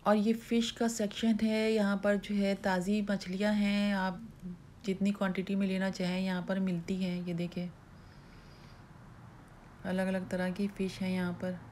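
Mellow-voiced woman giving a shopping tour. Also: mid-range voice, little pitch movement, normal speed, slight background noise. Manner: chatty, explanatory tour guiding. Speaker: food vlogger. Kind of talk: casual shopping vlog voice-over.

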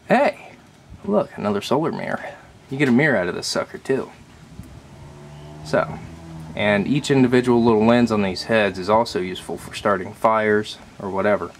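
A young adult man with a nasal, fairly low voice chats casually in a how-to vlog, showing a hands-on project on an outdoor porch while handling his gear. He's an expressive DIY video maker who speaks at a moderate pace with frequent pauses. It's filmed with a handheld camera mic, with slight background noise.

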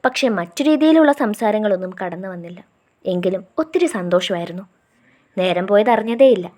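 A woman reading a first-person romantic story aloud in a soft storytelling way. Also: medium pitch, expressive, fairly quick. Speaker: story narrator.

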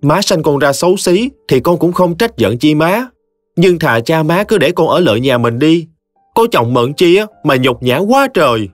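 A man voicing a sulky, sharp-tongued young bride with a Southern Vietnamese accent, talking in a whiny, defiant way. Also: fairly high pitch, lively intonation, normal speed, no echo, studio quality, faint music behind, pitched above the performer's own voice, close to an everyday voice. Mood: whining.

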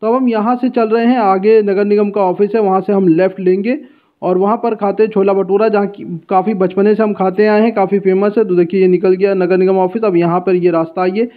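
Guy vlogging food, fairly high voice, tinny phone-line sound. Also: flat delivery, fairly quick. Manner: chatty, guiding the viewer along. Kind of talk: casual walking food-vlog narration. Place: outdoor street and busy food shop. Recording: tinny phone-like street recording.

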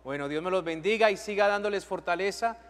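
A priest with a high, light voice addresses his congregation in a large church sanctuary. He moves between formal prayers and brisk, friendly announcements and blessings. Long reverb trails every phrase. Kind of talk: leading Mass and giving announcements. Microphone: far camera.

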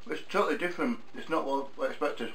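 A man's voice: mid-range voice, fast talker, a bit bright, a little hiss or hum, rough recording. A man, a dad on a family vlog, talking while chewing in an easygoing, chatty way as he muses aloud about a snack he is tasting. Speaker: dad trying snacks with his child on a vlog. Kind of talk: casual taste-test chat.

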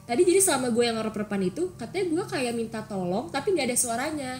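A young woman co-hosting a podcast, telling stories in an animated, expressive way with casual slang. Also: fairly high pitch, quick pace, slight background noise. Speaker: podcast co-host. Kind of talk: casual storytelling chat.

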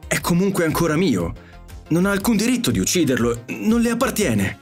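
A man's voice: a little high, sing-song, moderate pace, faint music behind, pitched above the performer's own voice. A man voicing an agitated, frightened space crewman in an audiobook, pleading as he talks.

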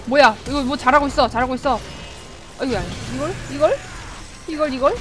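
A woman streaming a game live, excitable, often shouting and laughing and answering her chat. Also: high voice, a little fast. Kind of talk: live gameplay commentary. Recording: game music playing clearly behind. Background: game music.

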